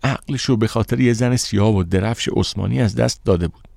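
A man narrating an audiobook in the first person with steady, measured storytelling. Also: fairly low pitch, vocal fry, no room sound, clean studio sound.

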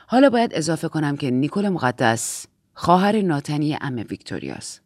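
A stern older matron in charge , as a female reader puts her on, her voice pushed well down into a low, grave register. She speaks in measured, clipped commands. The sound is dry and close, with no room behind it. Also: sing-song, a little mellow, no room sound. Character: stern, controlled older woman in authority. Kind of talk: audiobook character voice.

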